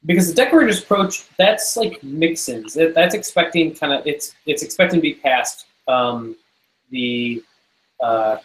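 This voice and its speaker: Man, mid voice, roomy call sound, probing developer thinking out loud in a meeting. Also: a little high, unhurried. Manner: questioning, thinks aloud with many restarts. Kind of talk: technical discussion in a meeting. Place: online contributors meeting.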